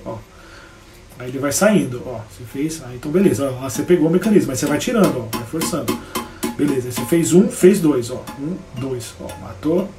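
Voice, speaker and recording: Chatty guitar teacher, echoey room. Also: male voice, fairly high pitch, mellow. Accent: Brazilian Portuguese. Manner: casual, chatty, greets viewers by name. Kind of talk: live-streamed guitar lesson.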